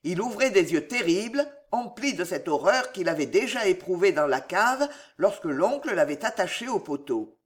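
A narrator reading a French novel aloud in a calm, measured way. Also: medium pitch. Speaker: audiobook narrator. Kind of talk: scripted narration.

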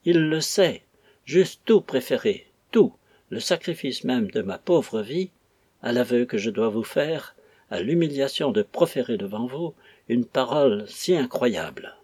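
A man's voice: mid-range voice, lively intonation, a little slow, warm tone, husky, no room sound. A man reading a novel aloud, voicing an old, clumsy country priest who pleads with fervent anguish. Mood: anguished pleading. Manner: pleading, impassioned outbursts. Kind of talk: audiobook reading.

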